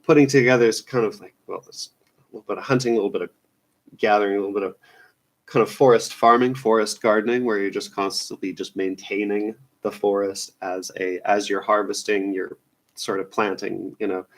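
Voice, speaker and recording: A man's voice: lowish voice, steady tone, fairly quick. A man hosting a casual news roundup, rambling and offhand, with lots of fillers and restarts. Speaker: news show host.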